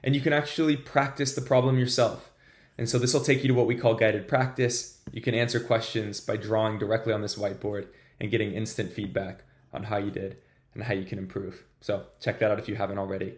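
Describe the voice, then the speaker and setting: A tutorial host explains system design at a whiteboard in an upbeat, casual manner, calling his viewers "you guys." His voice is fairly low and level and he talks briskly. He has a cold, so he sounds a little congested.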